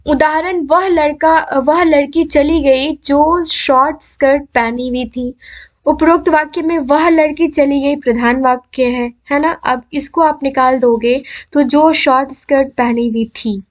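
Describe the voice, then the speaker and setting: A young woman with a high voice teaches a grammar lesson for exam prep. She poses questions to her class and answers them herself, and draws out each letter slowly so viewers can say it along with her. The audio is a little dull and muffled. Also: steady tone. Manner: sounds out letters slowly for students to repeat.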